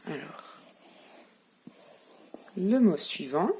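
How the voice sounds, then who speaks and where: A woman with a French accent, a preschool teacher giving a remote lesson to young children, speaking slowly and clearly with encouragement. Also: deep voice, big pitch swings, warm tone, slight background noise. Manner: slow, clearly articulated, encouraging.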